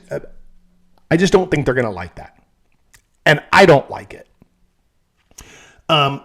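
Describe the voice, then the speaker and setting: A man working as a real estate agent, explaining things frankly and casually, often checking in with "okay?". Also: a little high.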